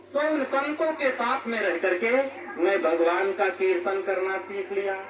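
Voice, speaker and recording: A preacher voicing a wise, gentle male parrot raised among saints, pleading for his brother, recorded from a distance in an echoey hall. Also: high-pitched, unhurried. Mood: explaining. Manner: pleading, then patiently explaining. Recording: echoey hall, distant mic, background noise.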